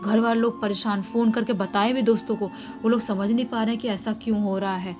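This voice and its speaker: A woman casually retelling a subscriber's horror story in a lively way, acting out the shouted quotes. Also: a little high, a little fast. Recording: faint music underneath.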